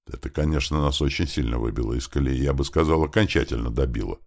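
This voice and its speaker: Very deep gravelly male narrator. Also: fast. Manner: casual slangy first-person storytelling. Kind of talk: audiobook narration.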